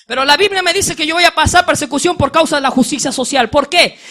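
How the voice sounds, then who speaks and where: A man's voice: extremely high pitch, quick pace, sharp tone. A male pastor, preaching a sermon and telling stories with acted-out dialogue. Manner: storytelling preacher, acting out dialogue.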